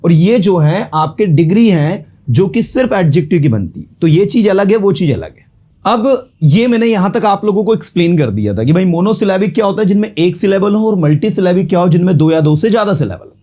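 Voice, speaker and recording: This English teacher's voice sits high with a dark tone, and he speaks briskly with lively intonation. In his classroom grammar lesson at the board, he mixes Hindi and English and repeats words one syllable at a time.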